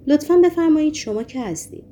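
A woman voicing a frightened, hungover man who speaks in a hoarse, croaking voice, timid and halting. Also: sits high, expressive, mellow, slight background noise, voice pushed up.

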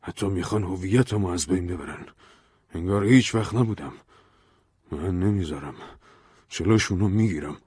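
A paranoid young man who talks urgently and secretively, as a storyteller plays him. He has a low, husky voice, recorded dry and close. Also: pauses often, darkish tone, no echo. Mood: urgent worried.

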